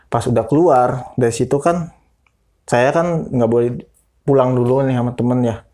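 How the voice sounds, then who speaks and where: A man casually telling a ghost story, animated and acting out other people's lines. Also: mid-range voice, normal speed. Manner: animated, quotes people in voices. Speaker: guest storyteller.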